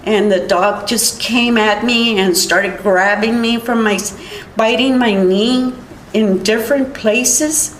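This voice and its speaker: An older woman giving courtroom testimony, retelling events in a halting, rambling way with many restarts. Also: a little high, steady tone, echoey room, a little hiss or hum, rough recording. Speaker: witness.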